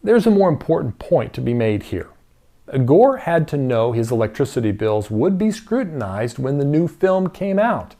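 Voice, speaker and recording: Lively, mellow-voiced male commentary narrator. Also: mid-range voice, moderate pace. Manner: sarcastic, uses rhetorical questions. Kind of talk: scripted opinion narration.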